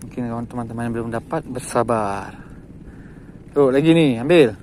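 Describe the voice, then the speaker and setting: Excitable man commentating his fishing trip. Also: medium pitch, normal speed, a little hiss or hum. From Aceh, Indonesia. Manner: exclaims and repeats short words when a fish bites. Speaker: fishing vlogger. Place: outdoors by the water.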